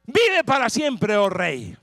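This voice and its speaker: A man voicing an ancient prophet who answers the king in a slow, solemn, measured way. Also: high-pitched, wildly swooping pitch, fairly bright tone, no room sound, studio quality, voice pushed up, exaggerated voice. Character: calm, faithful male prophet of old.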